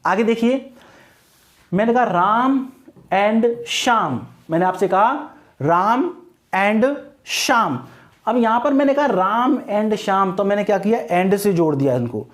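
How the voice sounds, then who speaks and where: A man teaching an English grammar lesson, asking questions and answering them himself, and slowing down on English example phrases. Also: high-pitched, lively intonation.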